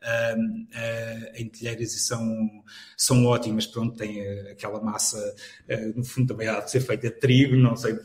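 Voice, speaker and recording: A man's voice: mid-range voice, little pitch movement, moderate pace, darkish tone, roomy sound. A man with a European Portuguese accent hosting a live podcast, talking in a rambling way with many restarts. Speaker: host.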